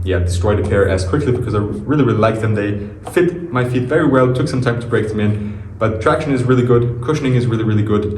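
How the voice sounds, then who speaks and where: A man's voice: fairly low pitch, a little mellow. A man giving a casual shoe review as a vlog in a locker room, recorded without a proper microphone. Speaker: basketball player and shoe reviewer presenting a vlog. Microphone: camera or phone mic at a distance, no proper microphone. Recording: echoey locker room, distant mic, faint noise.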